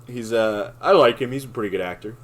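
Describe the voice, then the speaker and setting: A man's voice: mid-range voice, fast talker, a bit bright. A young man co-hosting a podcast, chatting casually and laughing often as he rambles. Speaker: podcast co-host. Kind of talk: casual chat.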